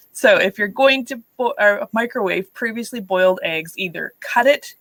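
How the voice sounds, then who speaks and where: A woman's voice: medium pitch, animated, unhurried, fairly bright tone, dry recording, rough recording. A middle-aged woman hosting a live writing stream, chatting casually, telling stories and laughing often. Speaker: host of live writing sprints. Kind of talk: casual livestream chat.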